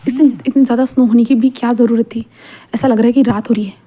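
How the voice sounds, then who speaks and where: Woman doing a reserved young man who stammers when flustered, with a mellow and even delivery, for a storybook reading. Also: fast, husky. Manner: stammering, low-key.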